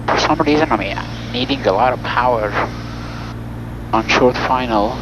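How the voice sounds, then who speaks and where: Flying a small plane solo, a student pilot talks himself through each step and handles radio calls, his medium-pitched voice moving a little slowly. The recording has a dull cockpit sound with the engine clearly audible.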